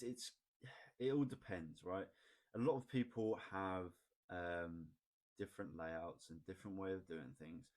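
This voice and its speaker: A man explaining ad data in a casual, chatty screen-recorded tutorial, often asking "right?" and pausing on "um". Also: lowish voice, a little mellow. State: has the hiccups. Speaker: online marketing tutor.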